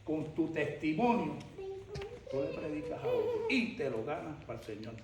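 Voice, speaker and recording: A man's voice: fairly high pitch, huge pitch swings, a little fast, a crowd in the background. An older man, a pastor, telling a testimony in an emphatic storytelling sermon. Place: church sanctuary. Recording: echoey church from far off, noisy.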